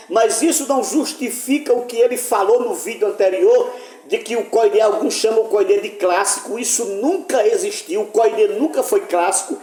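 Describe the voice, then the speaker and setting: A man lectures like a teacher, insistent and indignant. His voice sits high yet dark and mellow in tone. The sound carries a roomy echo from a home living room. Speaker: Greek teacher. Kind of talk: live online lecture.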